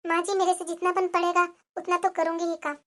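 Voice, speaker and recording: A woman's voice: very high voice, steady tone, moderate pace. Woman voicing a meek pleading cartoon daughter-in-law. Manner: soft, pleading, subdued. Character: meek young daughter-in-law, tired and hurt. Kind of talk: cartoon voice acting.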